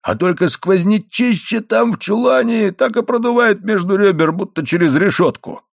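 A man doing a loud grumbling old-style coal miner. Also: high-pitched, lively intonation, moderate pace, gravelly, no echo, clean studio sound, pitched above the performer's own voice, full character voice. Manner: loud, complaining, exclaiming in a raised voice. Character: grumbling middle-aged male coal miner, childish and touchy.

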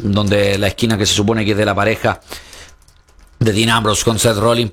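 Excitable Chilean male wrestling commentator. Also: fairly low pitch. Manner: excitable, repeats calls for emphasis.

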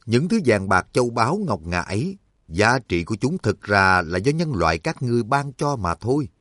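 A man reads out a self-satisfied, menacing villain who lectures with scorn for everyone around him. The voice sits low and moves with lively rises and falls. The recording is close and dry. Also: moderate pace, no echo. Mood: smug lecturing. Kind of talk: audiobook character reading.

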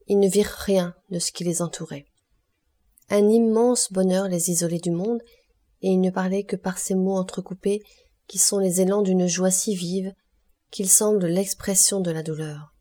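A woman narrating a classic novel in a measured, expressive way. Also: on the low side. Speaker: audiobook narrator. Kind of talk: literary audiobook narration.

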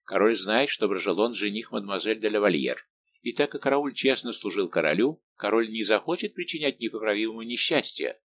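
A man's voice: on the low side, lively intonation, brisk, a bit bright, a little hiss or hum. Man voicing a respectful devoted count. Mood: earnest. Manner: respectful firmness. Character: respectful devoted young nobleman count, firm.

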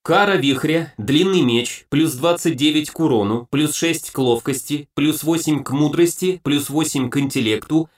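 A man narrating an audiobook in the first person with a lively storytelling manner. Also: on the high side, moderate pace, few pauses.

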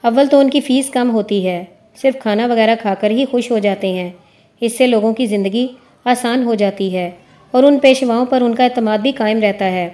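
A woman reading the lines of a calm senior male lawyer with a dry, teasing wit, in a measured way. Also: on the high side, natural voice.

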